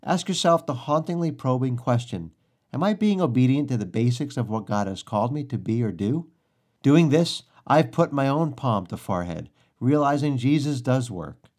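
A middle-aged man preaching a devotional sermon, earnest and measured, repeating key lines for emphasis. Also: medium pitch, animated, darkish tone.

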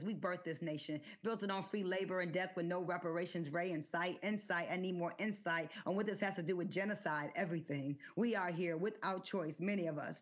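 A woman poet giving a rhythmic, deliberate spoken-word performance as a podcast guest. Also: fairly low pitch. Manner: rhythmic, deliberate, incantatory delivery. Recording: dull lo-fi sound.

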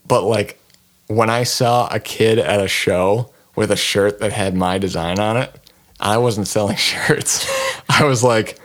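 A man's voice: fairly low pitch, measured pace, fairly bright tone. A man who is an artist, co-hosting a casual podcast and often restarting his phrases as he talks.

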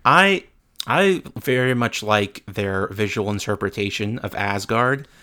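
A man co-hosting a casual movie podcast, recapping the plot with a dry, deadpan humor. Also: lowish voice, measured pace, clear, resonant tone. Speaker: podcast co-host.

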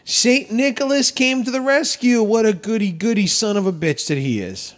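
A man's voice: high voice, expressive, normal speed. A man co-hosting a podcast, chatting casually, joking and laughing often. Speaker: podcast co-host. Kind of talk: casual chat.

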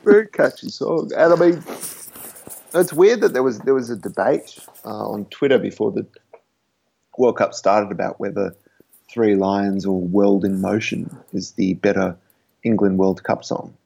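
A man with a creaky, husky voice, co-hosting a casual sports podcast. He rambles, hesitates with plenty of fillers and breaks into laughs as he talks. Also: fairly low pitch, measured pace, darkish tone. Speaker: podcast co-host.

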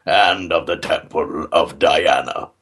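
A man voicing a solemn high priest of a coven who intones his lines. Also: slow pace, fairly bright tone, a little hiss or hum, exaggerated voice.

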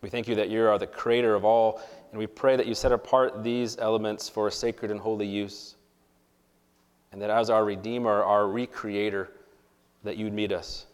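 A pastor leading an Easter communion liturgy, speaking in a measured, earnest way, with a long cathedral-like echo around his voice. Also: lowish voice, flat delivery, smooth. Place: church sanctuary. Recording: long reverb in a large church hall.

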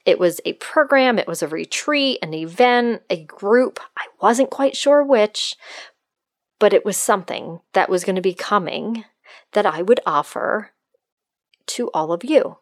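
A woman's voice: mid-range voice, expressive, measured pace, no echo, studio quality. A middle-aged woman hosting a solo podcast, speaking to listeners in an open, friendly manner. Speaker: podcast host and life coach.

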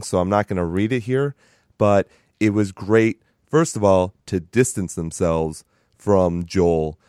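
A man's voice: lowish voice, a little mellow, clean tone, no room sound. Congested man hosting a podcast. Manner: dry, self-mocking humor. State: congested from sinus trouble. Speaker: podcast host. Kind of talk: casual podcast chat.

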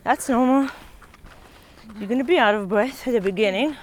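A woman coaching a runner outdoors on a hilly trail, giving steady, encouraging instructions. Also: on the high side, fast, slight background noise. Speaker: running coach. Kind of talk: coaching on the run.

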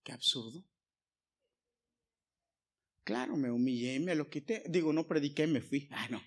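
A man's voice: medium pitch, unhurried. A man preaching a sermon, telling anecdotes with quoted dialogue and direct asides to the congregation.

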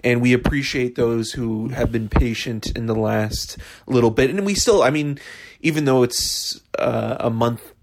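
Guy early 30s, mid pitch, rambly easygoing podcast chat, cheap poppy phone mic. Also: a little slow, vocal fry. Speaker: podcast co-host. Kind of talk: casual chat. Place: bedroom in a house. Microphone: handheld iPhone mic.

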